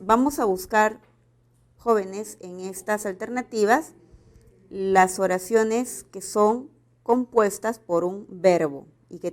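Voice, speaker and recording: Woman, Peruvian Spanish accent, exam-prep teacher, patient explanatory delivery, mid-pitched voice. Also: darkish tone. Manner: explanatory, checks in with "¿verdad?". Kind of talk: exam prep grammar lesson.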